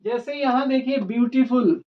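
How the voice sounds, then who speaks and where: A man's voice: very high-pitched, moderate pace. A man teaching an English grammar lesson, explaining rules step by step and spelling words out letter by letter. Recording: dull lo-fi recording.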